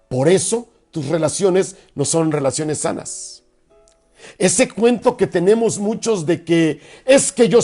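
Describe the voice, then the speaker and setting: A middle-aged man gives an expressive motivational talk, acting out little dialogues. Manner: expressive, acts out little dialogues with sudden pitch swings. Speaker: speaker on emotional self-control.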